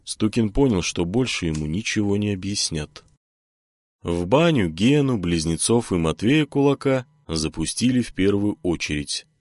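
A man narrates an audiobook with a very deep voice. His pitch moves a great deal as he tells the story. The recording is dry and close. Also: normal speed, no room sound. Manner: expressive.

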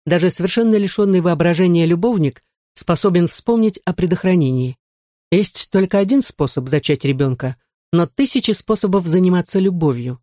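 A man's voice: sits high, animated, fairly quick, warm tone, no room sound, studio quality. A man reading an audiobook, playing a proud, sarcastic dwarf count. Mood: haughty. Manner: haughty, sarcastic.

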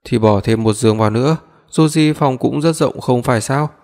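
A man's voice: mid-range voice, moderate pace, darkish tone, close to an everyday voice. A man doing a cocky, teasing young man. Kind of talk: audiobook reading. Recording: long reverb.

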